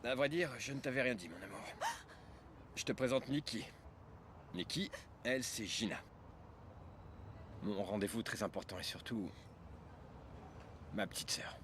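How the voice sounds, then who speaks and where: A man's voice: lowish voice, a little slow, pauses often, a little hiss or hum, lightly acted. A man playing an earnest young boyfriend in a dubbed film scene.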